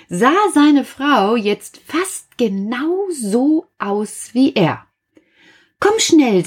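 A woman reading a children's story aloud, gentle and animated, speaking directly to young listeners. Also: mid-range voice, breathy edge.

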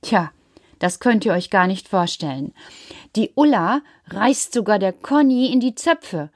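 A woman narrating a children's story in first person, animated and speaking directly to young listeners. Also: mid-range voice, measured pace, no room sound, studio quality.

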